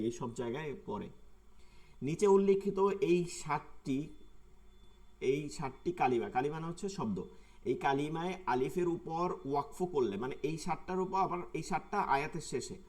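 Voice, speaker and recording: A man, teaching an online tajweed class and patiently repeating words slowly to show their pronunciation. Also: mid-range voice, darkish tone. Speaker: Quran recitation teacher.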